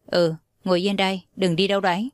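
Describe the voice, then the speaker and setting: Woman doing an anxious, bossy young friend, blunt and hurried. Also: medium pitch, level tone, dry recording, studio quality, close to an everyday voice. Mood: urgent.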